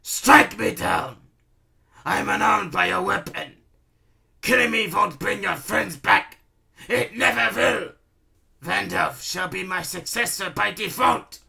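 Storybook villain baron acted by a man, raised pitch, forceful, blustering, petulant tyrant. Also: slow, creaky, distant mic, full character voice. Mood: bitter defiance. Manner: ranting, blustering.

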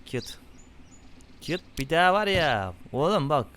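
A man commenting casually on his own gameplay, muttering to game characters and often bursting into loud, irritated yelling at them. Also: a little high, very animated, measured pace. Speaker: gaming channel host.

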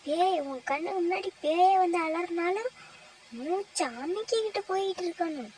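A woman voicing a bossy, sharp-tongued woman in a cartoon who threatens everyone with slang. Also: very high voice, normal speed, slight background noise. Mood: menacing. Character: bossy scolding village woman, greedy for gold. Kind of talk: cartoon voice acting.

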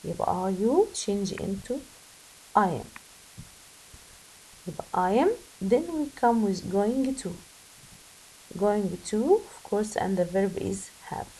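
A woman with an Egyptian Arabic accent teaching an English grammar lesson, switching between slow English and quick Arabic explanations. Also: mid-range voice, animated, warm tone, slight background noise, rough recording.

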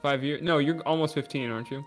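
A man's voice: on the high side, steady tone, fast talker, faint music behind. Joking young man streamer. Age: 20s. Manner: joking, laughs often, teasing. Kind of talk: casual gaming chat.

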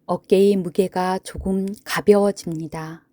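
A woman gently narrating a sleep meditation in a soothing, hushed manner, with long pauses between phrases. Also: fairly low pitch, steady tone, dry recording. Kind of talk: sleep story narration, guided Buddhist relaxation.

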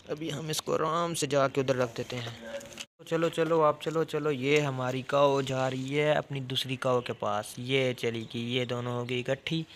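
A man narrating his toy play in an excited, exclamatory way, talking to the toys as if to a child. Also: mid-range voice, a little hiss or hum.

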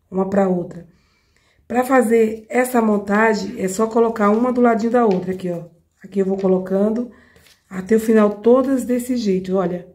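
With a mid-range voice made hoarse yet mellow by a cold, a Brazilian craft tutorial host walks her audience through a project step by step at her home craft table. Her Brazilian Portuguese accent colors her chatty talk, and she keeps addressing viewers directly to check in.

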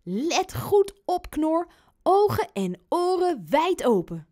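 A woman voicing a small playful boy in a storybook reading, with a high, whiny little-boy voice. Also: very animated, slow, mellow, full character voice. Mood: eager.

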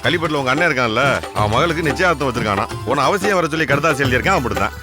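Man playing a ribbing village postman, lively rising-falling voice, music bed behind. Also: mid-range voice, rapid-fire, natural voice. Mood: teasing. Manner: mocking, playful ribbing. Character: village postman, teasing and gossipy. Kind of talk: Tamil film dialogue. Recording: film scene with music score.

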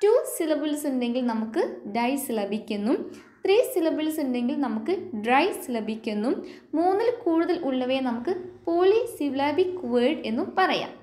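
A woman with a Malayali accent teaching an exam-prep lesson. She dictates definitions slowly and asks the viewer check questions. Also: sits high, lively intonation, a little mellow. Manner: slow English definitions dictated, then explained. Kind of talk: exam-prep lecture mixing Malayalam and English.

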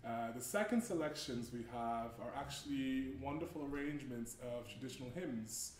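Young man from Canada, concert musician introducing the program; friendly, halting delivery, roomy church sound, faint hiss. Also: mid-range voice, animated. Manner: friendly, hesitant, many uh fillers. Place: church hall.

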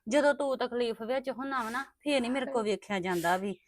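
A woman's voice: a little high, fairly quick, a crowd in the background, lightly acted. A woman playing a stepmother who soothes and pleads affectionately, in an amateur family drama. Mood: tender. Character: doting young stepmother, soft and caring.

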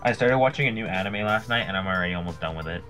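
A man's voice: low voice, rapid-fire, bright, forceful tone, soft background music. A man in casual, teasing banter with a friend while they play a video game together. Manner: teasing and playful. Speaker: gamer.

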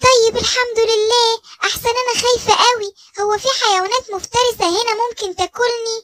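Rapunzel, sweet and timid. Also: female voice, extremely high pitch, steady tone, brisk, fairly bright tone, no echo. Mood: anxious. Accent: Egyptian Arabic. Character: young lost girl with magic hair, gentle.

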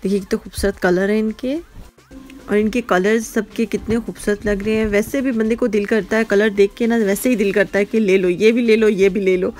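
A woman from Pakistan casually narrates a grocery shopping vlog, walking supermarket aisles and streets in the UK and pointing out items to viewers. Her mid-range voice is fairly quick, a little mellow and fairly even in intonation, with soft music in the background.

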